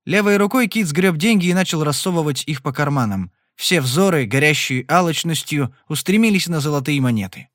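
A man narrating an audiobook Western in a steady, measured storytelling voice. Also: a little high, no echo, studio quality.

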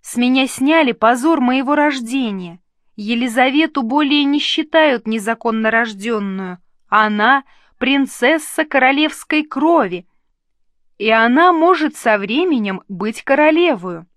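A woman's voice: high-pitched, animated, a little slow, no room sound, studio quality, pitched above the performer's own voice. A woman voicing a gracious, dignified and tender queen in an audiobook reading. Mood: joyful. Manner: warm, reassuring.

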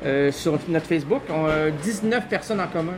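A man's voice: fairly high pitch, moderate pace, low-quality recording. Male radio host, casual and curious, over music. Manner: chatty, curious, prompting questions.

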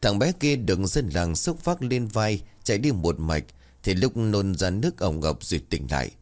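Male storyteller, low register, animated delivery. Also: moderate pace. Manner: voices characters with lively shifts. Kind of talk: scripted narration of a folk ghost tale.

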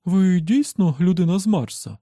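Man doing a sugary gushing young woman, higher voice, dry sound. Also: expressive, fairly quick, mellow, dry recording, close to an everyday voice.

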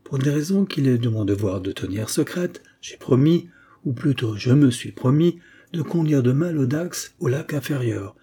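A man's voice: mid-range voice, expressive, normal speed, mellow, husky. A man voicing a bold, determined young Frenchman who speaks firmly and resolutely in a read-aloud story. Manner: firm and resolute.

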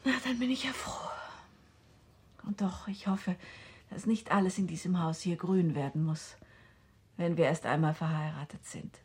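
A gentle, breathy middle-aged lady. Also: low-pitched, fairly even intonation, normal speed. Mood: tender uneasy. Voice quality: breathy, often whispering. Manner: soft and gentle. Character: lonely middle-aged woman, gentle and uneasy. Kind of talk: 1960s radio drama acting.

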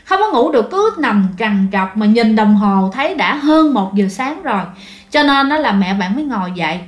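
Woman telling ghost stories like she's chatting w friends, kinda high voice, echoey room. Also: very animated, moderate pace, muffled recording. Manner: chatty, addresses listeners directly, many fillers. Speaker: ghost story narrator. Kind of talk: casual spoken storytelling.

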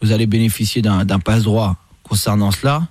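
A man's voice: lowish voice, steady tone, brisk, dry recording, pitched below the performer's own voice, natural voice. A man playing a bossy, hot-tempered police commissioner in a prank phone call, barking orders and threatening. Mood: smooth, conspiratorial. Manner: barks orders, shouts and threatens. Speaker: prank caller, radio host.

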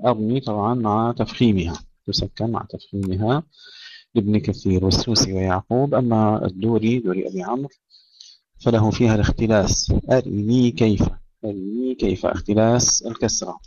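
A man teaching tajweed, reciting verses slowly and melodically, then explaining the rules quickly. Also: on the low side, a little mellow, no echo. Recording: dry, muffled lo-fi recording.

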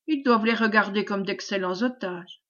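A woman reading the part of an aged aristocratic marquis with a fluting voice, calm and knowing, on a dull lo-fi recording. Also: medium pitch, moderate pace, close to an everyday voice.

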